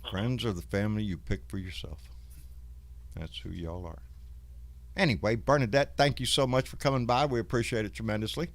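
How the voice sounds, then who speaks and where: A man's voice: lowish voice, a little fast. A man with a Southern US accent and a folksy drawl, hosting a casual livestream chat with salty language. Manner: salty, profane. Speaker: host of a live online show.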